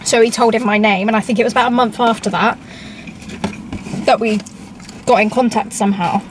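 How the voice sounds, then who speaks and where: A woman's voice: on the high side, steady tone, a little fast, background noise. A young woman chatting informally as a host over a meal, often saying "like". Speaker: YouTube host reading out questions. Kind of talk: casual chat over a meal.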